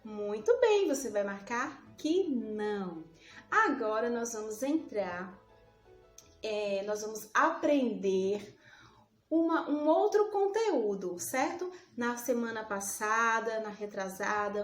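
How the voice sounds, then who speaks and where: Her mid-range voice carries a recorded remote lesson in which she, a woman teacher, draws words out slowly, repeats them aloud, and keeps asking the pupil questions, saying "certo?". There's a roomy echo and some faint background music.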